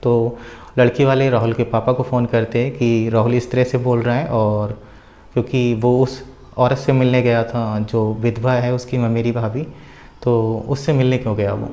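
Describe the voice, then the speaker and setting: A man casually retelling a story out loud, with a rambling flow full of filler words and small hesitations. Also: mid-range voice, little pitch movement, moderate pace.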